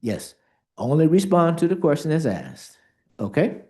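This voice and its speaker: A man's voice: fairly high pitch, sing-song, measured pace, dark tone. A man chairing a hearing, giving directive procedural instructions and cutting in on others. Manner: directive, interrupting. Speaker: board chair running a hearing.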